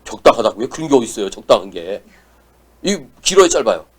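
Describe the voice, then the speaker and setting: A man giving a lecture to parents, animated and often putting questions to the audience. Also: lowish voice, fast talker, slightly rough.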